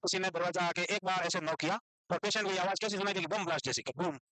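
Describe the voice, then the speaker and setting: A man with an Indian accent teaching a nursing class online, dictating English definitions slowly and quizzing his students. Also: high voice, steady tone, sharp tone, no room sound, poor audio. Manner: teasing, scolds students playfully.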